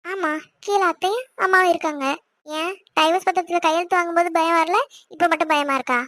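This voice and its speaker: A woman's voice: very high voice, fairly even intonation, fairly bright tone, dry recording. A woman voicing a stubborn, outspoken young cartoon wife. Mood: insistent. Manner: pleading and arguing, quick and insistent.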